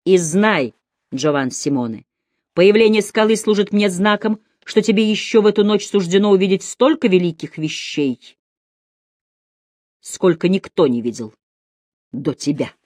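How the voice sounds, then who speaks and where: A woman's voice: mid-range voice, unhurried, a little mellow, no echo, studio quality, lightly acted. A woman reading a stern male physician who speaks in a solemn, commanding way.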